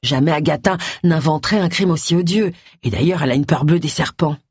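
A woman voicing an eager young male detective, earnest and flattering, with a husky voice. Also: deep voice, quick pace, no room sound, clean studio sound.

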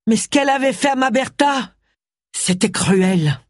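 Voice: sits high, unhurried, no echo, clean studio sound, voice pushed up. A reader doing a quavering, pumpkin-doting man. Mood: confessing. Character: distraught middle-aged man, doting on his prize pumpkin.

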